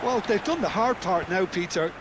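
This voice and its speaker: High-voiced analytical football co-commentator. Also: male voice, a loud crowd, very noisy. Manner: measured, analytical. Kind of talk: broadcast match analysis.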